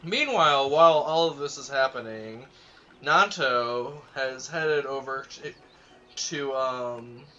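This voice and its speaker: Slow, bright-voiced male game master. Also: mid-range voice, highs cut off. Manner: relaxed, chatty, laughs often. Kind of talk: narrating a tabletop game.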